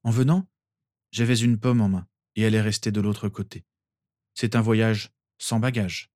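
A man's voice: lowish voice, fairly even intonation, normal speed, a little mellow, dry recording, studio quality, natural voice. A man voicing a brave, light-hearted young wizard in a read-aloud story. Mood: joking. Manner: light, joking.

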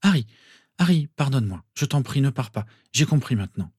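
A man voicing a caring young mother who pleads softly and apologizes. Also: mid-range voice, very animated, brisk, slightly rough, dry recording, clean studio sound, pitched above the performer's own voice. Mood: pleading. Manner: pleading, soft.

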